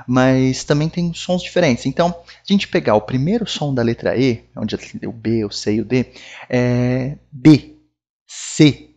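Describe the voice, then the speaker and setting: Brazilian male French teacher, casual and friendly, slightly high voice, somewhat dull lo-fi recording. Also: darkish tone. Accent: Brazilian Portuguese. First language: Portuguese. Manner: friendly, repeats sounds and tags lines with "né?". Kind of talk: casual video lesson on pronunciation.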